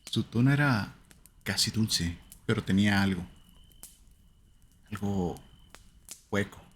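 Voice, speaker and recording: A man narrating a first-person horror story in a slow, somber, suspenseful way. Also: fairly low pitch, a little hiss or hum.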